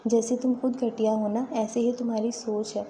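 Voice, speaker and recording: A woman's voice: fairly high pitch, level tone, dark tone, a little hiss or hum, natural voice. A woman reading the lines of a wronged young wife in a storybook tale, speaking in a reproachful, pleading way.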